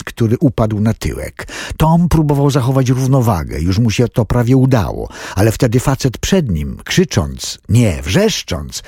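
A man reading a thriller audiobook as scripted narration, telling the story dramatically in a husky voice. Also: dark tone, no echo, clean studio sound. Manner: dramatic storytelling with wide swings in pitch.

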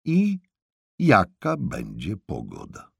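A man narrating an audiobook novel with expressive storytelling. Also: sits low, slow, creaky, husky, dry recording. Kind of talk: scripted narration.

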